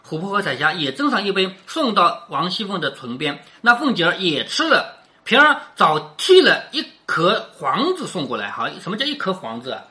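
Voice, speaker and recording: A woman's voice: fairly low pitch, big pitch swings, normal speed, sharp tone. A woman teaching a class, reading a classic novel aloud and explaining it line by line while checking in with questions.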